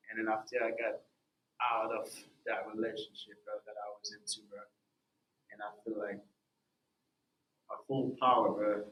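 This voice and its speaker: A young man, a music artist and podcast guest, talking casually and telling his story with lots of "bro" and "man". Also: on the low side. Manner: animated storytelling, says "bro" often. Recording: roomy echo.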